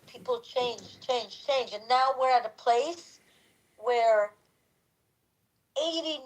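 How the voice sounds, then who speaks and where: A woman's voice: high voice, rough recording. A woman in her forties talking in a casual live discussion, emphatic and repeating herself for stress. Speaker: panelist.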